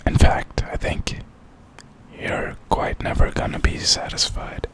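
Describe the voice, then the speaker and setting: In this ASMR clip, a male creator offers a whispered pep talk. The whisper is breathy and unvoiced, the manner encouraging and reflective, and he takes it slowly.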